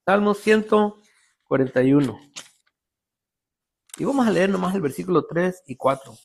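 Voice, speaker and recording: High-voiced man teaching the Bible. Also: animated, vocal fry. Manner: checks in with a frequent "ok?"; reads verses aloud slowly and explains them.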